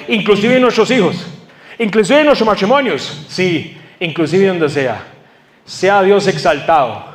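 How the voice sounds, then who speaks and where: A man preaching a sermon to his congregation, asking them questions and answering them himself. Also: sits high. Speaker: pastor.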